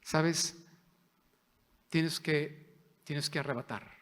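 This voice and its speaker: A man preaching a sermon as pastor, impassioned, swinging between loud declarations and hushed, near-whispered prayer. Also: on the high side, extremely slow. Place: church sanctuary. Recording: long hall reverb.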